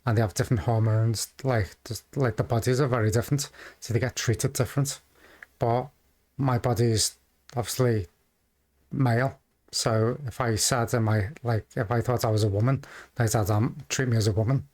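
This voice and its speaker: A man reacts to videos in a casual, unscripted way. His mid-pitched voice moves along haltingly and rambles from thought to thought, as a host thinking out loud would. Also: fairly even intonation. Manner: hesitant, halting, rambling delivery. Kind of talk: casual off-the-cuff commentary.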